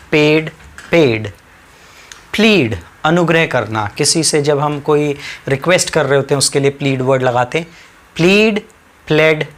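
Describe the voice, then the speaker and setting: Slow Indian English teacher drilling verbs. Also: mid-range voice. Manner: repeats each verb form in a sing-song drill, explaining in Hindi. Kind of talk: slow drilled vocabulary lesson.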